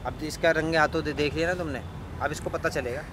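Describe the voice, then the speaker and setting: A man with a somewhat raised voice barks the same orders over and over in a hard, commanding tone. Street traffic is clearly heard around him. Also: fairly high pitch, steady tone, brisk. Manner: aggressive, repetitive, commanding. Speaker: accuser in a street confrontation. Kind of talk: heated confrontation. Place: outdoors on a city street.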